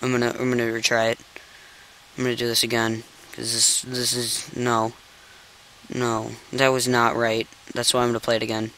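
A man's voice: mid-range voice, monotone, normal speed, pushed and bright, slight background noise, low-quality recording. A young man hosting a game commentary video, exasperated and incredulous, repeatedly exclaiming "no" as he plays at his computer. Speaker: gaming channel host. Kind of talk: let's play commentary.

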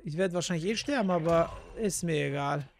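A man's voice: fairly high pitch, brisk. A man, chatting casually and swearing while streaming a game from a close desk mic. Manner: grumbling, swearing, slangy. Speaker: gaming streamer. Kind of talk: casual live gameplay chat. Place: indoor room at a gaming setup. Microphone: desk microphone close up, with headset.

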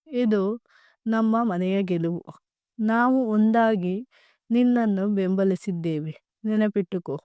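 A woman voicing a gentle, proud father who gives calm advice to his daughter in a storybook tale. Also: medium pitch, smooth, no echo, natural voice. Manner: gentle, advising.

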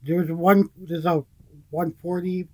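Husky, laid-back man co-hosting. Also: high-pitched, level tone, measured pace, dark tone. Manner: laid-back, loose and rambling. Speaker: reaction video co-host. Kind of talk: casual reaction chat. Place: small indoor room with posters.

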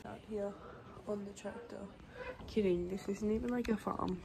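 A woman's voice: mid-range voice, steady tone, moderate pace, gravelly. A young woman chatting casually in a vlog, playful and dramatic, swearing freely. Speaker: vlogger. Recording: noisy handheld outdoor audio.

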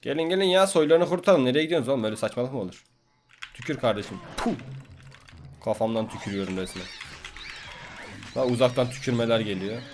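A man's voice: medium pitch, fast, darkish tone, a little hiss or hum. A young man giving casual gaming commentary, teasing and trash-talking the creatures on screen in slangy, brash talk. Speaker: gameplay commentator.

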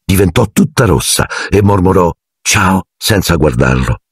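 A man's voice: low-pitched, sing-song, moderate pace, darkish tone, slightly rough, dry recording, clean studio sound. A man narrating an audiobook expressively and doing the character voices.

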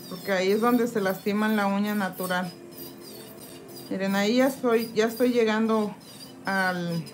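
A chatty woman from Mexico, talking in a somewhat high voice as she files acrylic off her nails. She reads viewer comments aloud, answers them and greets each viewer by name. A faint hum of the nail drill and the room sits under her voice. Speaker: nail tech streamer. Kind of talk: casual live-stream chat. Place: indoors at a nail desk.

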